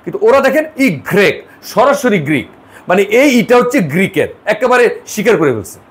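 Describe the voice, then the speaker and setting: A middle-aged man with a high, lively voice teaches French sounds to a single student. He keeps repeating letters and correcting mistakes, and he drifts into chatty asides between the drills. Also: brisk. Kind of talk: one-on-one language lesson.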